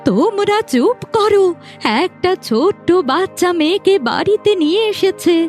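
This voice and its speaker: Woman voicing a sharp-tongued scolding mother. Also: very high-pitched, expressive, moderate pace, soft background music. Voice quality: scolding, quarrelsome. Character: sharp-tongued village mother, middle-aged. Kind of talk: cartoon voice acting.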